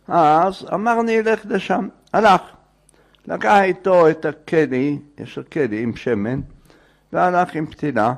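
A man telling a folk tale aloud in a lively, digressive way, acting out the characters. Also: a little high, vocal fry. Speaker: storyteller. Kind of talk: oral folk tale storytelling.

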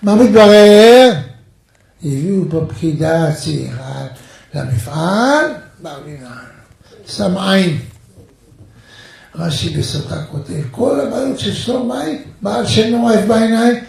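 A man's voice: sits high, creaky. A man giving a religious talk, retelling stories of rabbis and acting out the people in them. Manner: animated storytelling, quotes others aloud. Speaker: religious speaker. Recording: very echoey room.

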